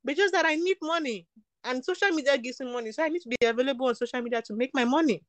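Her voice sits high and races, recorded dry with no room sound. She's a young entrepreneur from Cameroon in the beauty products trade, a guest in a candid, casual interview who drives her points home by repeating them with emphasis.

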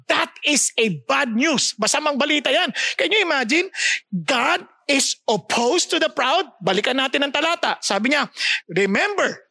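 A woman with a Filipino accent preaching a sermon, switching between languages and asking the audience lively rhetorical questions. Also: sits high, no room sound.

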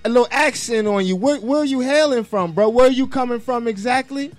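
A man hosting a casual radio interview, relaxed and friendly, calling guests bro and homie. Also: extremely high pitch, fairly quick, dry recording, soft background music. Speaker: host.

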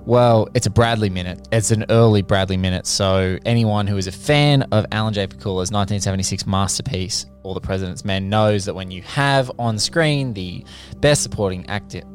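A man's voice: fairly low pitch, a little fast, soft background music. A man hosting a podcast in a casual, effusive, rambling way with colloquial turns of phrase. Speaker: podcast host.

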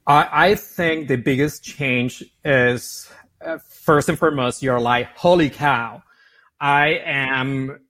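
An Argentine man with an Argentine Spanish accent, a founder and CEO, answers interview questions in an animated way. His voice sits at a medium pitch and he takes it slowly, frequently repeating words as he thinks.

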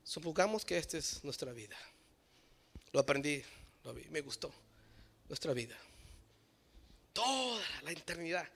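A man preaching a sermon, swinging from soft, low musing to loud shouting and slipping in short English phrases. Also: lively intonation, unhurried, creaky, long pauses, husky.

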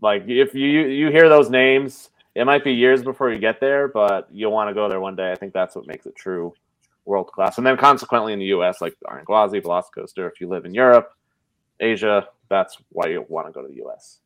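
A man's voice: on the low side, brisk, rough recording. A man chatting casually as a podcast guest, giving his opinions in a conversational, explanatory way.

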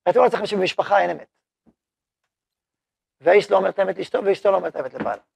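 Gravelly, husky man teaching a lesson. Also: high-pitched, no echo. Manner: animated storytelling, acting out short dialogues; asks the class questions and answers them. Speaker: yeshiva head teaching a class. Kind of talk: spoken Torah lesson.

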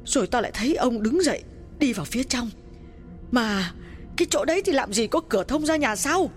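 A man voicing a frightened middle-aged village mistress who speaks in a shaky, hushed way to her servant. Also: high-pitched, big pitch swings, moderate pace, faint music behind, pitched above the performer's own voice. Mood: terrified.

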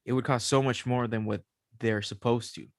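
A man's voice: medium pitch, steady tone, moderate pace, dry recording. A man hosting a casual podcast chat, loose and swearing, laughing as he explains. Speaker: podcast host.

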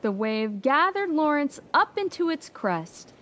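A woman narrating a children's story in an expressive, animated way. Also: high voice, unhurried.

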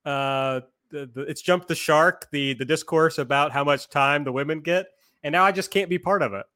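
A man's voice: on the high side, moderate pace, bright, forceful tone. A man hosting a podcast in casual chat, recapping a show with sarcastic jokes. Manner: sarcastic, joking. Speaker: podcast host.

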